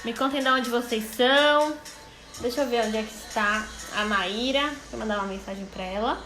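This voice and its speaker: A woman's voice: a little high, moderate pace, roomy sound, over music, low-quality recording. A Brazilian woman in her thirties, a psychologist hosting a casual live stream, welcoming viewers in a chatty way. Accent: Brazilian Portuguese. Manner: chatty, welcoming, thinks aloud. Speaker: host, psychologist. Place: home, on an Instagram live stream.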